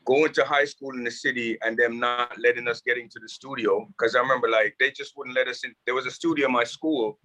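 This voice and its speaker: A man from Jamaica, a music producer, tells his stories in a lively way. His voice is bright and forceful at a middle pitch. He is speaking from a rehearsal building. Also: brisk, hardly any pauses, poor audio. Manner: animated storytelling. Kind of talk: casual conversation.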